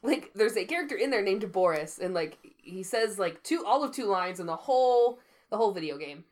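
A woman co-hosting a podcast in loose, casual chat. She rambles through stories and breaks into laughter often, at an ordinary middle pitch. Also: lively intonation, brisk. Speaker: podcast co-host.

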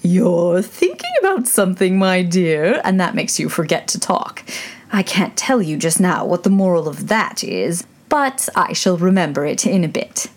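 A woman's voice: on the low side, very animated. A woman voicing a fussy old duchess who drags out her words pompously, as if moralizing. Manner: slow, drawn-out and pompous.

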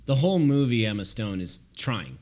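A man's voice: medium pitch, very animated, normal speed, a little mellow. A man co-hosting a casual podcast chat about films, telling stories animatedly and swearing freely. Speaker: podcast co-host.

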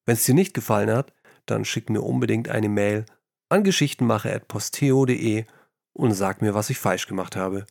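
A man's voice: lowish voice, expressive, normal speed, gravelly, darkish tone, dry recording, clean studio sound. A man hosting a creative-writing podcast, giving scripted tips straight to the listener. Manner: addresses the listener directly with instructive tips.

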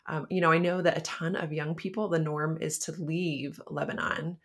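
A woman's voice: deep voice, fairly even intonation, normal speed. A woman hosting a podcast interview, asking thoughtful questions. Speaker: podcast host.

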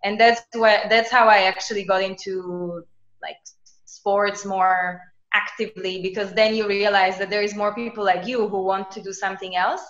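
A woman in her thirties from Slovakia, speaking English as a podcast guest, lively and chatty with many casual fillers. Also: mid-range voice, normal speed. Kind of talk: casual interview chat. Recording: echoey, dull lo-fi remote recording.

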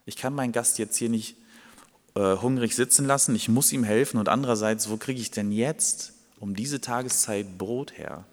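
A man's voice: fairly low pitch, moderate pace, in a large hall, lightly acted. A man acting out a worried man who must feed a late guest and pleads with his friend for bread. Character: flustered man begging a friend for bread at night.

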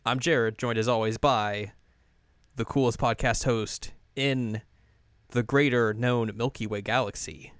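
A man's voice: mid-range voice, steady tone, measured pace, clean tone, no echo. A young man hosting a podcast in casual chat, rambling with fillers and laughs, close to the mic. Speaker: podcast host.

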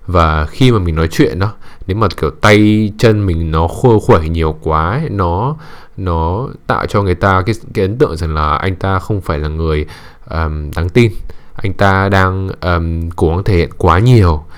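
A man giving calm dating and communication advice in a measured monologue, pausing often with hesitant fillers and dropping in English words. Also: low voice, clean tone.

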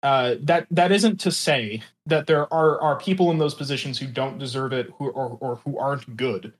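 A man's voice: mid-range voice, normal speed. A man in an interview explaining his views conversationally, in an earnest, qualifying way, often checking in with a tag question. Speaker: interview participant.

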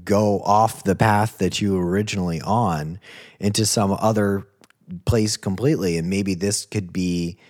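Man, lowish voice, rambling casual podcast chat, lots of "you know", easygoing. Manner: relaxed, rambling, many fillers and "you know". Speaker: podcast co-host, songwriter. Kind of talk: casual conversation about songwriting.

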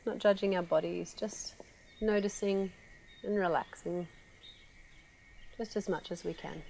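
A woman guiding a relaxation meditation, speaking slowly and softly with long pauses. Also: mid-range voice, gravelly, slight background noise. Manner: slow, soft, calm with long pauses. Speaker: meditation guide.

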